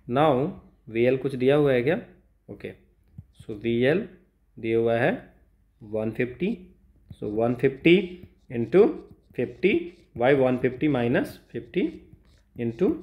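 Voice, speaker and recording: Mellow and mid-range, the voice belongs to an Indian man tutoring through exam questions in careful steps. He speaks haltingly, moves between Hindi and English, and keeps adding brief check-ins.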